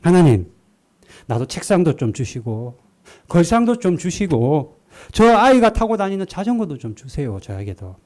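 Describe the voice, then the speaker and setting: A poor young pastor whines and pleads in prayer, his voice swooping up high, as a male preacher acts him out in a sermon. He sounds sulky and begging. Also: sing-song, moderate pace, a little mellow. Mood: whiny.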